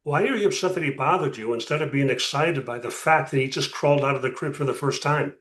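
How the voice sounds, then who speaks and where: A man's voice: medium pitch, fairly bright tone. Echoey, distant male rabbi teaching. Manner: deliberate pauses, rhetorical questions. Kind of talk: interactive religious lecture. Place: room with a class. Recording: echoey room, distant microphone.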